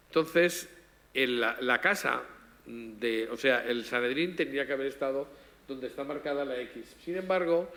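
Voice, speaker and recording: A man's voice: medium pitch, a bit bright. Spanish-speaking man lecturing in a hall. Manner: explanatory, with frequent asides and self-corrections. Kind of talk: public lecture. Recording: reverberant hall.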